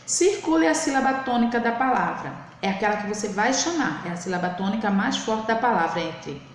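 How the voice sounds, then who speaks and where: A woman's voice: a little high, expressive, fairly quick. A woman, teaching a young class in a recorded remote lesson, patiently stretching words out syllable by syllable. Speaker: primary school teacher. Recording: very echoey room, faint noise.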